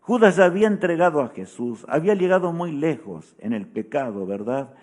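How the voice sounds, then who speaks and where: A man's voice: on the high side, lively intonation, a little fast, darkish tone. A man preaching a sermon in a solemn teaching tone, often asking his listeners "¿verdad?" as he goes.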